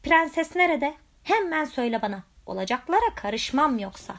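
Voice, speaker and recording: A woman's voice: sits high, normal speed, close to an everyday voice. Sir Green Spot, a woman doing a blustering little frog knight. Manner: blustering, shouting threats. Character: tiny brave boastful male frog knight.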